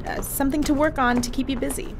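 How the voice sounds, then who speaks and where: A woman's voice: high-pitched, fairly even intonation, fast, noisy background. An actress playing Janelle, a chatty, crude young crewwoman who swears and laughs easily. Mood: casual. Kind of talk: audio drama acting.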